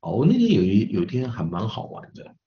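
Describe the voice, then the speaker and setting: A man in his forties gives a recorded English lesson in a very low, deep voice. He talks chattily, repeating phrases and stretching out words as he spells and sounds them out. The audio is slightly dull and lo-fi. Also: huge pitch swings, fast. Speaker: English teacher.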